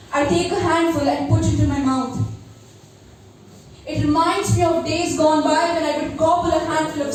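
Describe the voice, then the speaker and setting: A teenage girl with a high voice performs spoken-word poetry in an earnest, dramatic way. Her phrasing is deliberate. She is heard from a distance in a heavily echoing room, with faint noise. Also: darkish tone. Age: teenager, seventeen. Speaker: amateur poet at a first open mic. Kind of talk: spoken-word poetry recital with personal introduction. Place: live open mic venue, recorded from a distance.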